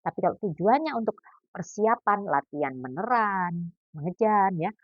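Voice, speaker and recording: A doctor in her fifties gives pregnancy exercise advice in a casual health talk, chatty and joking, explaining lively with asides. Her voice is medium-pitched and moderately paced. The recording is dry and sounds dull and lo-fi.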